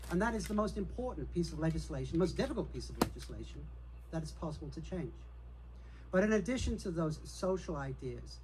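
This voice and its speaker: A man's voice: a little high, a little mellow, a little hiss or hum, rough recording. A middle-aged man gives a confident, personable campaign speech as a city council candidate. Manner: confident, personable, self-assured.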